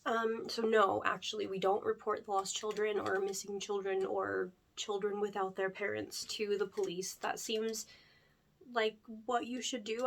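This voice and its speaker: A young woman ASMR creator, whose voice is medium-pitched with vocal fry, plays a chatty pizzeria staffer interviewing a new hire. She rambles upbeat, full of fillers and nervous jokes.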